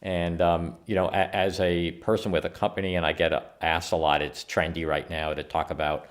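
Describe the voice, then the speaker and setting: A middle-aged man, a scientist guest, giving measured, explanatory interview answers with frequent restarts. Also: deep voice, little pitch movement. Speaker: guest scientist and company founder.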